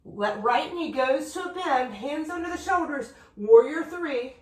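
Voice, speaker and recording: This female yoga teacher guides a flow class with a high voice and an unhurried pace, her words echoing around the room. She calmly directs each pose while moving herself, occasionally sounding slightly winded.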